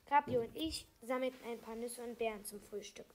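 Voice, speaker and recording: A woman reading aloud a self-written fantasy story, halting, with small slips and restarts. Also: a little high, darkish tone.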